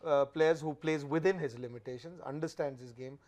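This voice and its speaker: Higher-pitched man analysing cricket. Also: a little fast, darkish tone. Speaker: cricket pundit. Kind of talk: studio match analysis.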